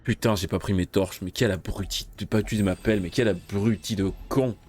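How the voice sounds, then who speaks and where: A man's voice: lowish voice, steady tone, fairly quick, slight background noise. A man commentating his own game run in casual let's play style, cursing often when things go wrong and muttering while he plans. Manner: swears loudly in frustration, then mutters. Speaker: gaming video creator.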